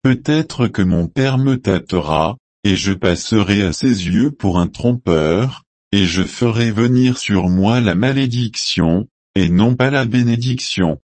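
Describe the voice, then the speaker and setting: A man voicing a younger son who passes himself off as his elder brother, in a slow, solemn reading. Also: lowish voice, lively intonation, a little mellow, no room sound. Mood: earnest.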